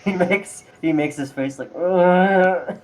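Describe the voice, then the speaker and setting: A man acting as game master and narrating a tabletop game, with halting phrasing and frequent restarts. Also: medium pitch, animated, poor audio.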